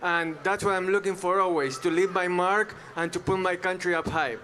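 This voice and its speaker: Male event interpreter, high voice, relaying interview answers with faint background noise. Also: little pitch movement, normal speed, pushed and bright. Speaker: interpreter speaking for an athlete. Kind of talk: live interpreting in first person.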